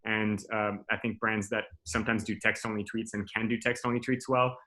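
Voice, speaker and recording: A man's voice: lowish voice, fairly quick. A man in his thirties giving a casual class talk, loose and profane, full of fillers and restarts. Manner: relaxed, swearing, many fillers and restarts. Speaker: strategy director presenting a class. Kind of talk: casual presentation over video call.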